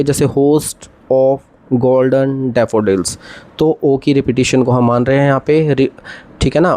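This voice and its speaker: A man teaching English literature, explaining poetic devices step by step, reading poem lines aloud slowly and often checking that students follow. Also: mid-range voice, warm tone. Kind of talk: classroom lecture on poetic devices.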